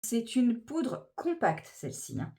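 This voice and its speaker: A woman's voice: a little high, huge pitch swings, takes it slowly, warm tone. A woman chatting casually through a makeup tutorial, gushing with enthusiasm over each product. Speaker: beauty vlogger.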